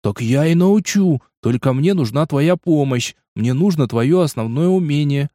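A man's voice: fairly high pitch, animated, normal speed, mellow, no room sound, studio quality, natural voice. A man playing an impatient, exasperated young game player in a storybook reading. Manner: blunt, exasperated questioning.

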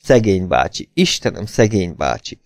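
A man's voice: deep voice, big pitch swings, vocal fry, no echo, studio quality, exaggerated voice. A man reading as a remorseful young woman. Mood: sorrowful.

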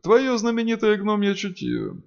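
A man reading an audiobook, voicing a blunt, grumbling male gnome in a folksy way, with a gravelly tone on a lo-fi recording. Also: high voice, moderate pace, darkish tone, pitched above the performer's own voice.

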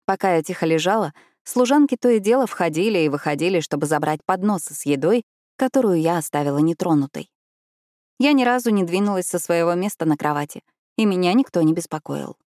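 A woman narrating a novel in the first person, with measured, dramatic storytelling. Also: on the low side, animated, a little mellow, no room sound, studio quality. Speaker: audiobook narrator.

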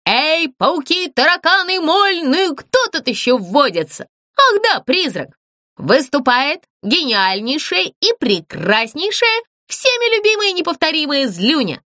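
A woman voicing a vain, showy female doll actress with a shrill, theatrical manner. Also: sing-song, measured pace, bright, forceful tone, no room sound, studio quality, heavily acted.

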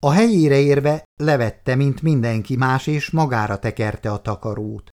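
A man narrating an audiobook in a steady, measured way, with a voice of ordinary middle pitch. The reading is calm and even-paced, a plain storyteller's delivery. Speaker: audiobook reader. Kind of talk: scripted narration.

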